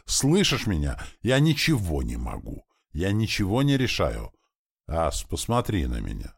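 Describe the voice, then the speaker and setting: Male narrator voicing a volatile young prince, sinister hush, very deep and husky. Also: very animated, normal speed, exaggerated voice. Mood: unhinged. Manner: hushed, turning from pleading to sinister. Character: grieving menacing young prince, unstable.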